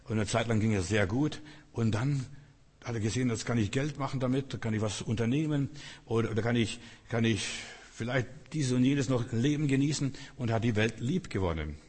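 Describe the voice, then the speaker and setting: A man's voice: medium pitch, a little fast, darkish tone, breathy edge. A man preaching a sermon in an earnest, direct way, asking the listeners rhetorical questions. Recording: long reverb of a large hall.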